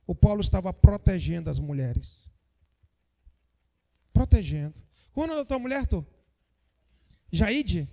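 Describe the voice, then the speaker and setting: High-voiced man teaching a Bible lesson. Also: lively intonation, measured pace, creaky, pauses often, dark tone, long reverb tail. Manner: joking asides, frequent tag questions; addresses the congregation directly. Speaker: Sunday school teacher.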